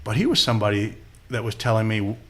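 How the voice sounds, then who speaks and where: A man's voice: fairly low pitch, fast talker, breathy edge. A man from Austin, Texas, a podcast guest telling stories in a casual interview and acting out the people he quotes. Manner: animated storyteller who acts out quoted people.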